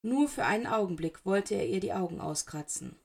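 A woman's voice: medium pitch, lively intonation, brisk, creaky, husky. A woman reading fan fiction aloud with dramatic, emotive narration. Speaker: audiobook reader.

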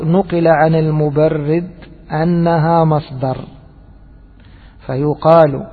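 A man giving a religious jurisprudence lesson, repeating key phrases and asking the class rhetorical questions. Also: on the high side. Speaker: Islamic jurisprudence teacher. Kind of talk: religious lecture. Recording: tinny phone-like lecture recording with long reverb.

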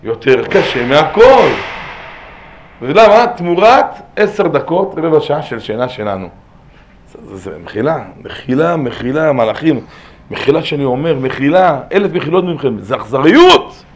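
A middle-aged man giving an impassioned religious lesson as a rabbi, swinging from hushed pleading to loud exhortation and repeating words for emphasis. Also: a little high, very animated.

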